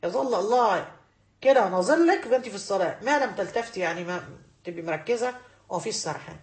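A woman's voice: mid-range voice, lively intonation, fast talker, darkish tone. An Egyptian woman teaches a religious lesson to women at a racing clip, pressing her points with emphatic repetition. Her voice rings in an echoey room. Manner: emphatic, repeats key phrases.

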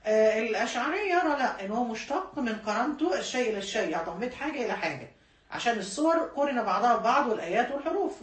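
A woman's voice: a little high, roomy sound, recorded from a distance. A woman with an Egyptian Arabic accent, teaching a classroom lesson and explaining patiently, repeating key points and correcting herself mid-word. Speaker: religious studies teacher. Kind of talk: classroom lecture.

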